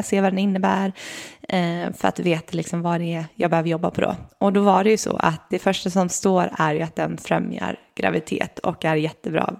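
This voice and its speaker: A young woman telling a personal story in a casual, animated way and acting out what people said. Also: mid-range voice, gravelly. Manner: animated storyteller, acts out quotes. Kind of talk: casual chat.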